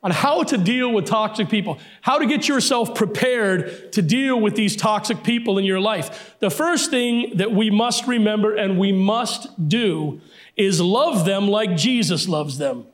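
A middle-aged male pastor delivers a sermon with emphasis, repeating his key phrases. His high-pitched voice moves a little slowly and turns hoarse at times.

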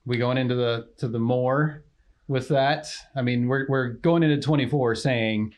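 A man's voice: medium pitch, steady tone, moderate pace. A man co-hosting a casual ministry podcast, explaining earnestly and affirming his partner often. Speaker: ministry leader, podcast co-host.

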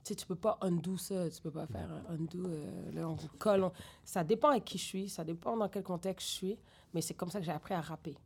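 A woman's voice: lowish voice, fairly quick, husky. A woman with a French accent with Québécois traces, a rapper raised in Senegal, talking candidly and digressively in an interview. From grew up in Senegal. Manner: animated, digressive, many fillers. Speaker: rapper guest.

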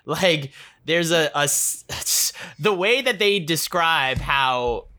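Bright-voiced casual film talker. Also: mid-range voice, animated, slow pace. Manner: rambling, restarts often, acts out characters' lines. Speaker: film podcast co-host. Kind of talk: casual movie discussion.

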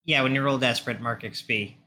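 A man's voice: medium pitch, steady tone, fast talker, pushed and bright, slight background noise. A man in a tabletop game, explaining the rules in a matter-of-fact way. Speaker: player. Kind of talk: casual tabletop play.

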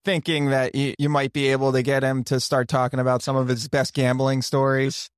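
A man's voice: medium pitch, completely flat delivery, brisk, clear, resonant tone, no room sound, studio quality. A man on a podcast panel telling stories in a self-deprecating, easy manner. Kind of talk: casual podcast chat.

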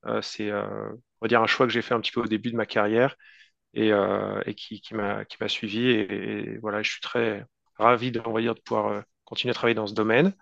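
A Frenchman in his thirties, a guest entrepreneur with a French accent, answers interview questions casually and hesitantly, full of fillers and restarts. His medium-pitched voice is gravelly with a fairly bright tone, recorded without echo and with the highs cut off.

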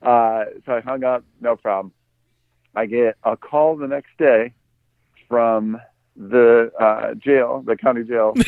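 A man's voice: medium pitch, no room sound, narrow, tinny audio. A laid-back man from the United States, casually telling a story on a podcast and chuckling as he goes. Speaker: podcast co-host.

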